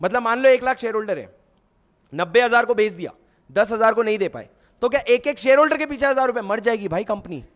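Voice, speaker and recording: High-pitched male tutor with an Indian accent, drills points with rhetorical questions and mnemonics. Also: expressive, fast. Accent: Indian English mixed into Hindi. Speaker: teacher. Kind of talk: exam revision lecture.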